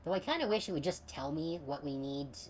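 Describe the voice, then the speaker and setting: A woman's voice: deep voice, animated, fairly quick, slight background noise. A woman streamer giving casual, wry commentary while playing a game, with game music behind her. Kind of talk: let's play commentary.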